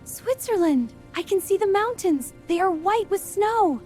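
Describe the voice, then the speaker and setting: A woman playing an excited young tourist, narrating a beginner English lesson with very slow talking in short simple sentences. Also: very high voice, soft background music.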